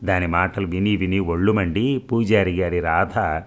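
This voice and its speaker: Male narrator, deep and low, for a steady audiobook novel reading. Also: a little slow.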